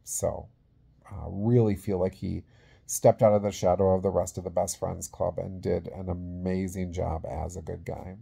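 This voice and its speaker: A man in his forties speaking as a casual awards presenter, halting and conversational, into a phone held at arm's length in a small room. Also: deep voice, level tone, creaky, warm tone, husky. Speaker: vlog host presenting awards. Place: small indoor room with plain wall.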